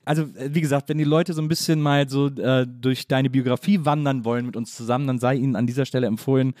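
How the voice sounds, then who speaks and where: A man hosting a casual podcast conversation, talking in a relaxed, chatty way with many fillers. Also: mid-range voice, fast talker, no echo, studio quality. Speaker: podcast host.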